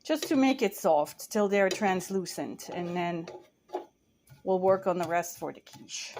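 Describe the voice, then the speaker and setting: A woman's voice: fairly low pitch, unhurried, noisy background. A woman from central Switzerland chatting in a rambling, self-correcting way while she cooks in her home kitchen. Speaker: cooking vlogger. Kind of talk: casual chat while cooking.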